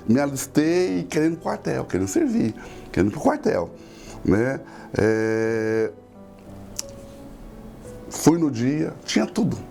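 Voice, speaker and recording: A man's voice: medium pitch, creaky, darkish tone. A middle-aged man, a pastor, giving an emotional, tearful personal testimony.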